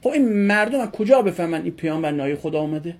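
Husky woman teaching a religion class. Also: on the low side, expressive, a little mellow. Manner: asks the class questions and answers them, with emphatic repetition. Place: classroom with students.

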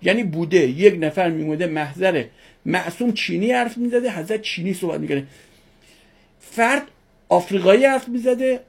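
Lady teacher, raspy voice, lecturing a class on religion, keeps asking questions and answering them herself. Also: lowish voice, animated, darkish tone. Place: classroom with students.

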